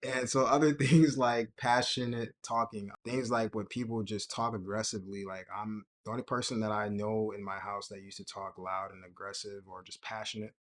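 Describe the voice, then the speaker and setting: A young man hosting a casual personal talk, relaxed and conversational, often laughing and acting out what others said. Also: lowish voice, normal speed, few pauses. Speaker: host.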